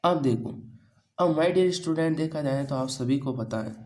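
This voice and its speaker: An English teacher from India leads a pronunciation lesson in a coaching class, posing questions and answering them himself and repeating key points to students as questions. His voice is on the high side and a little mellow, his pace unhurried, and the audio is poor.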